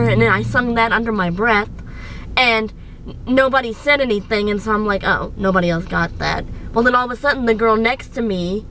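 A woman's voice: fairly high pitch, noisy background. Goofy rambling young woman vlogging. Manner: rambling, goofy, self-deprecating. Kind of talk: casual vlog chat. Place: workplace and home.

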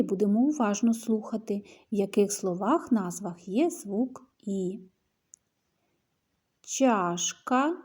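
A woman teacher leads a reading lesson for young children, coaxing them patiently to repeat each sound. Her voice sits a little high but sounds soft and mellow. She takes her time with every word.

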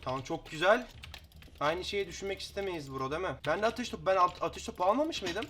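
A teenage boy with a high, bright voice gives excitable gameplay commentary to his viewers, cursing and yelling at opponents. Faint keyboard and mouse clicks sit behind his desk mic. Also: quick pace, slight background noise. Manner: excitable, swears and shouts at opponents. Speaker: gaming YouTuber.

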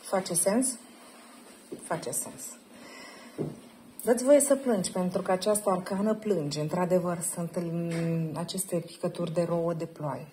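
A woman guiding a participant through a tarot card reading, gentle and probing, often checking in with a short question. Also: on the low side, few pauses, slight background noise. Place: group session at a camp.

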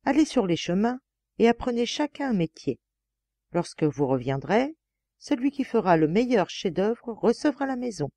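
A woman's voice: medium pitch, big pitch swings, moderate pace, mellow, dry recording, voice pushed up. A woman voicing an aging father in a fairy-tale audiobook, in a raised storybook voice. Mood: solemn. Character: old father, fair and undecided, proud of his sons.

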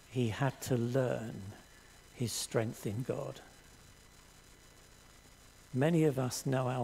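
An older man preaching a sermon in a church hall, earnest and measured, reading scripture aloud to the congregation. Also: medium pitch, vocal fry, dark tone, slight background noise. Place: church hall stage with audience.

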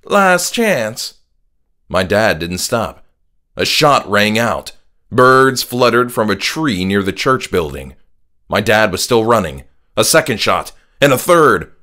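This horror audiobook is voiced by its author, a man whose fairly low voice has lively intonation and a pushed, bright quality. He reads unhurriedly in a dramatic, scripted style, with music underneath.

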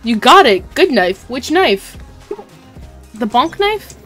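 A woman chats loosely on her live game stream, swearing casually. She has hiccups. Her voice sits a bit high, with faint music underneath. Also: very animated, takes it slowly, a bit bright. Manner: chatty, swears casually while gaming.

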